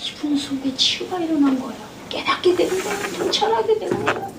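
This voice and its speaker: A woman with a high voice gives a church lecture as a counselor, telling stories with animation. She is heard from far off in an echoey hall. Steady background noise runs under her voice. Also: fairly quick. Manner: animated storyteller who acts out the dialogue. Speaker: counselor giving a talk.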